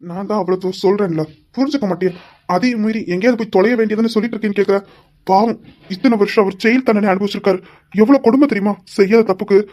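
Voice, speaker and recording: In this audio drama, a man plays a devoted young husband who talks quickly in a mellow, mid-pitched voice. He is gently reproachful and explains things at length. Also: natural voice. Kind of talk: hobby audio drama acting.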